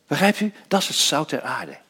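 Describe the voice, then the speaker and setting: A man preaching a sermon, dropping to hushed whispers and rising to loud, emphatic passages, slowing down to stress key phrases. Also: on the high side, huge pitch swings, slightly rough. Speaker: pastor.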